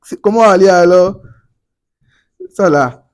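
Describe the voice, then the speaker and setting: A man's voice: sits high, takes it slowly. A man coaching a class on Chinese pronunciation, drilling students and repeating words energetically.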